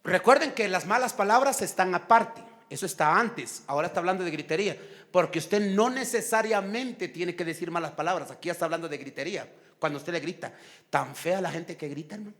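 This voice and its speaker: A middle-aged man with a Guatemalan accent preaching a sermon, lively, acting out shouting people. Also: high voice, a little fast. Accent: Guatemalan Spanish. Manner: animated preaching, acts out quarrels in shouted voices. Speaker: pastor.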